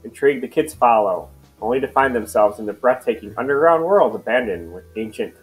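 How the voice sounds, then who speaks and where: Man, narrator, calm storytelling, mid pitch, soft guitar underneath. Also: fairly quick, poor audio.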